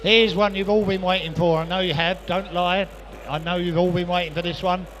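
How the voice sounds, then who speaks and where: A man's voice: sits high, steady tone, brisk, a bit bright, a little hiss or hum. A man working as an auctioneer, chanting repeated prices and bid calls in patter at a live sale. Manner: repetitive patter of prices and bids. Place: busy auction sale room.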